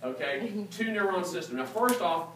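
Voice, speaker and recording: A man's voice: high-pitched, lively intonation, normal speed, far from the mic, crowd noise. Casual man lecturing in an echoey hall. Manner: casual and joking, keeps checking understanding with "okay?". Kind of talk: classroom lecture with student questions. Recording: echoey room recorded from afar.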